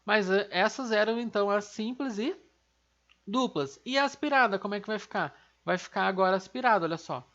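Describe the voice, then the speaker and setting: A woman's voice: medium pitch, a little fast, fairly bright tone, dull audio. A woman teaching an online language lesson, explaining step by step and asking and answering her own questions.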